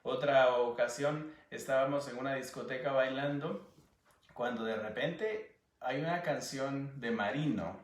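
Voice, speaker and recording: A man from Guatemala with a Guatemalan Spanish accent, giving an earnest personal testimony as an interview guest, sometimes pausing to search for words. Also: mid-range voice, roomy sound, far from the mic. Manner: earnest, searching for words, animated when recounting.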